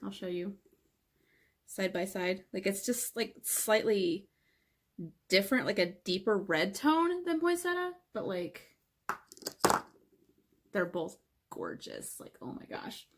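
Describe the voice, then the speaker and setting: A young woman vlogging casually about her makeup collection, chatty, with many "like" fillers and soft whispered asides. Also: medium pitch, expressive, takes it slowly, long pauses, noisy background. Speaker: beauty vlogger.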